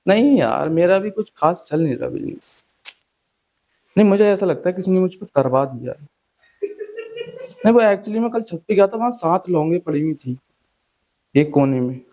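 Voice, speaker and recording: A man's voice: sits high, very animated, unhurried, pauses often, warm tone, low-quality recording. A young man doing a stand-up comedy set, chatty and teasing the crowd, acting out the people he quotes.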